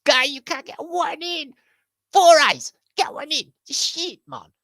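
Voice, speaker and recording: A high, shrill young heckler jeers at a hopeless player with a taunting edge, as a man puts him on. The voice sits far above the performer's own. It is recorded dry and close. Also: very animated, slow, a bit bright, no echo, heavily acted. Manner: taunting, mocking.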